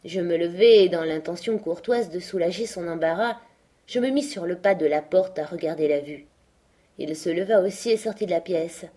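A woman's voice: normal speed, dark tone. A woman reading a classic novel aloud as scripted narration, raising her voice for the quoted speech. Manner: lifts her pitch and volume for quoted speech. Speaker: audiobook reader.

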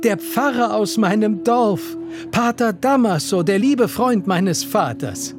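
A man's voice: a little high, expressive, a little slow. A man voicing a polite, emotional young man home from abroad in a radio reading of a novel, with music underneath. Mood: joyful. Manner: eager, courteous.

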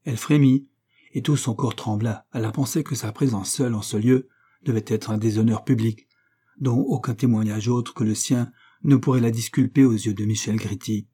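Dark, husky male audiobook narrator. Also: medium pitch. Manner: measured, expressive storytelling. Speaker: audiobook reader.

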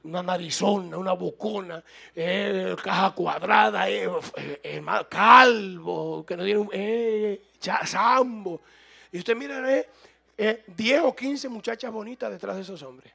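High, gravelly-voiced preaching man. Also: a little slow. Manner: preaching, rising to loud emphatic bursts, asks the room. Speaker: pastor. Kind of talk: sermon.

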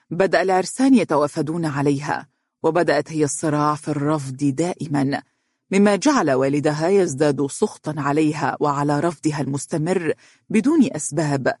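Steady audiobook narrator, dry sound. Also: mid-range voice, no echo. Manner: steady, measured storytelling. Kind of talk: scripted novel narration.

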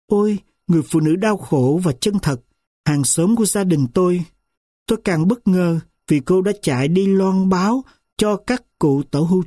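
A male audiobook narrator tells a first-person story in a measured, earnest manner. His voice is mellow and soft-edged. The recording is dry and close, with no room sound. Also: sits high, no room sound.

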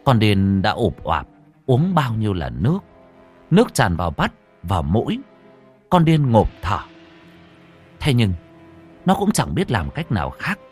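A man narrating an emotional story in a dramatic, expressive way. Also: on the low side, unhurried, pauses often, breathy edge, faint music behind.

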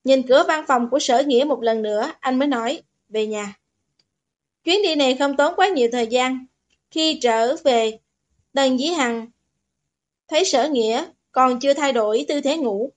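A woman reads a romance novel aloud in a bright, high voice. Her narration is steady and even, the plain pacing of a scripted audiobook. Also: normal speed.

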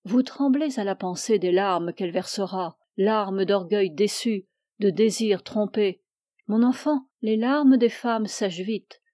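Une femme qui prête sa voix à un mentor spirituel âgé et sévère, qui fait des reproches d'un ton dur. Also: female voice, medium pitch, unhurried, mellow, dry recording, studio quality, close to an everyday voice. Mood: stern. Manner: stern, reproving. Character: stern older male spiritual mentor, severe.

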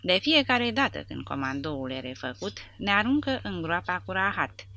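Cynical veteran soldier read by a woman, sardonic, bright gravelly tone, audiobook. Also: on the low side, very animated, lo-fi sound, voice pushed up, exaggerated voice. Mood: mocking.

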